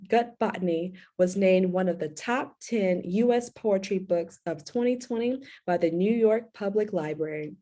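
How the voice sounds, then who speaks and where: A woman host reads guest introductions in a measured, formal way and then moderates the panel. Her voice is mellow and relaxed. She speaks over a video call. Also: mid-range voice. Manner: clear, measured, formal reading. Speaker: co-curator and host.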